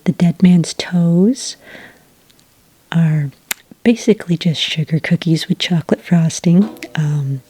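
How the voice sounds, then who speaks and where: A woman with a low, breathy, whispery voice does an ASMR customer-service roleplay as a friendly, obliging witch taking an order at a quaint cafe. She speaks very softly, gently, unhurriedly and chattily, close to a dry microphone.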